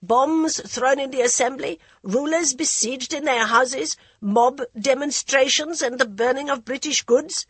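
A woman's voice: high voice, a bit bright, breathy edge, no echo, pitched above the performer's own voice, exaggerated voice. A woman voicing a harsh, imperious elderly dowager queen who speaks with strong authority. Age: older. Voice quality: strong, commanding.

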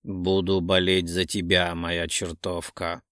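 A man doing a low, slow seductive lover. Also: creaky, dry recording, studio quality.

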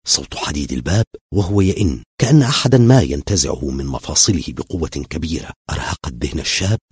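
A male storyteller with a deep, very husky voice, reading a dramatic story aloud. His pitch swings widely as he builds tension. The recording is close and dry. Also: darkish tone, dry recording. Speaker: narrator. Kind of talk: dramatic audio story narration.

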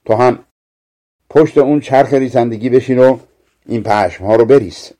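A man's voice: mid-range voice, mellow, lightly acted. A man reading aloud, voicing a cruel, hunched old witch woman who gives harsh orders. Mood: bossy. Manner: harsh, commanding.

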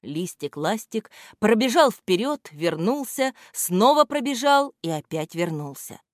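A woman's voice: medium pitch, no room sound, studio quality. A woman narrating a children's storybook expressively. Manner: expressive, unhurried. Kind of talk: storybook reading.

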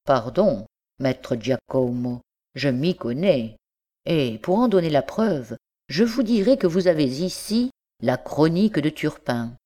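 A woman's voice: low voice, expressive, takes it slowly, mellow, exaggerated voice. A woman doing a driven young nobleman scholar. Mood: suave. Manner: courteous, then urgent and driven.

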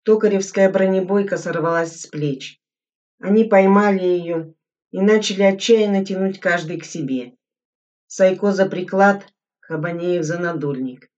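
Slow-reading woman narrator, muffled. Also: on the low side, darkish tone. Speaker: audiobook reader. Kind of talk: scripted narration. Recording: dull audio from a distant mic.

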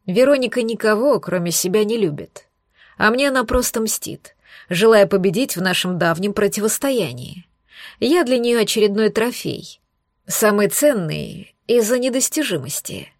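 A woman's voice: mid-range voice, sing-song, moderate pace, dry recording. Woman reading a cold, stern werewolf boss. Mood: dry, cold. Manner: dry, cold, clipped commands.

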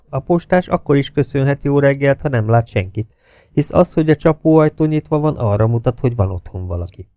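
A man narrates a novel in a low, gravelly voice, measured and steady, sometimes sinking to a hush. His tone is dark and mellow. He is recorded close on the mic in a dry, dead room. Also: no room sound. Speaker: audiobook reader.

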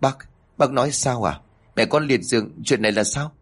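A man's voice: mid-range voice, normal speed, breathy edge, pitched above the performer's own voice, lightly acted. A man reading aloud, voicing a devoted young son in a family storybook tale who speaks earnestly and pleads. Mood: distraught.

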